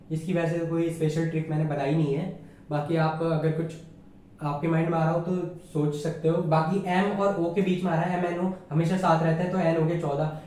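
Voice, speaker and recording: Guy teaching memory tricks, kinda high mellow voice, keeps asking if you get it, really roomy echo, mic far off. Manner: chatty, checks understanding often, calls listeners "yaar". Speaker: reasoning teacher. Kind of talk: casual exam-prep lesson. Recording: very echoey room, voice far from mic.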